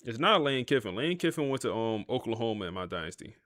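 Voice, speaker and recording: Here the streamer's medium-pitched voice has a sing-song lilt and a slightly bright quality, and he moves quickly through his casual commentary to viewers during gameplay. It's a dry recording.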